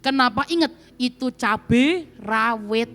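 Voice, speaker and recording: A woman's voice: fairly high pitch, unhurried, a little hiss or hum. A woman evangelist preaching a sermon in a church, telling a story and speaking directly to the congregation again and again. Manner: animated, often addresses the congregation directly. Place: church hall. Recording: long hall reverb, faint music.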